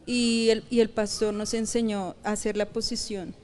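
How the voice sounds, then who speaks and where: A woman's voice: medium pitch, flat delivery, normal speed, a little mellow. A woman pastor, telling her personal story in an interview and laughing often. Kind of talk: personal testimony in a podcast interview.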